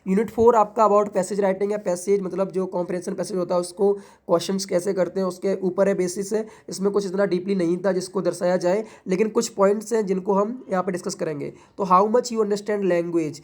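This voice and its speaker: A woman's voice: medium pitch, steady tone, a little fast, hardly any pauses, a little mellow. Woman tutoring English exam prep. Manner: keeps asking and answering her own rhetorical questions; spells out words letter by letter.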